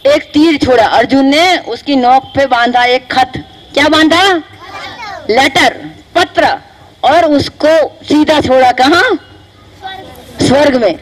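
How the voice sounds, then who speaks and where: A woman with a high voice tells a legend to children. She is lively and keeps stopping to ask her young listeners questions to keep them following. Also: rough recording. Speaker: children's storyteller. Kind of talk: storytelling for children.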